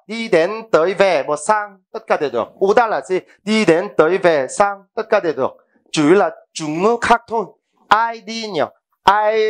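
Man teaching vocabulary. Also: fairly high pitch. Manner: repeats Korean words slowly for students, checks understanding often. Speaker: Korean language teacher. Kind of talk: online language lesson.

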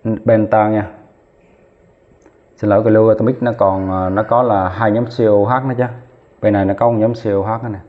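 Heard through thin, phone-like audio, a man teaches chemistry at the whiteboard at a quick pace. His fairly low voice stays mostly even as he writes, counts aloud, and corrects himself along the way.

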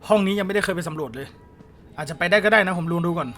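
Bright-voiced excitable Thai game streamer. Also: male voice, sits high, racing, faint music behind. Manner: excitable, jumpy, talks to viewers. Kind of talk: let's play commentary.

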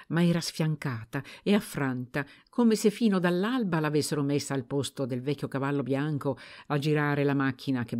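A woman narrating an audiobook in an expressive storytelling manner. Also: low-pitched.

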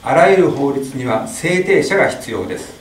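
A middle-aged man reading a translation of a sermon aloud in a small chapel, steady with small slips. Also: medium pitch, normal speed, a little hiss or hum. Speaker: interpreter at a Mass. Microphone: stand mic. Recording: echoey chapel, distant mic.

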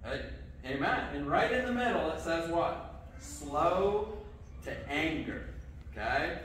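Recorded from a distant camera in an echoey church sanctuary full of congregants, a middle-aged male pastor delivers a children's sermon at a slow pace. His voice sits on the high side, and his lively manner includes questions to the kids and frequent "okay" check-ins, over slight background noise.

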